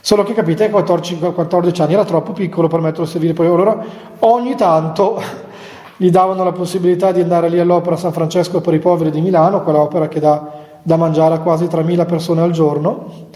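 A man's voice: on the high side, steady tone, fast talker, dark tone. A man, a Franciscan friar, giving a conversational spiritual talk to nuns, chatty with humorous asides and chuckles. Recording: echoey hall with long reverb.

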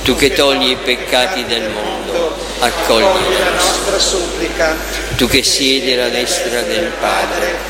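Solemn priest in cathedral echo. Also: male voice, mid-range voice, expressive, over a noisy crowd. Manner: slow, solemn intoning. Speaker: priest celebrating Mass. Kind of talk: liturgical prayer recitation. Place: large church. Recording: long echoing church reverb. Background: congregation.

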